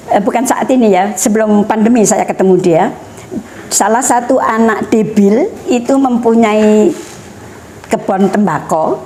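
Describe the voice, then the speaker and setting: Middle-aged woman, calm explainer, slightly high voice. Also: a little hiss or hum. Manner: measured, explanatory, mixing in Javanese phrases. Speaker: guest speaker on family education. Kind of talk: educational talk.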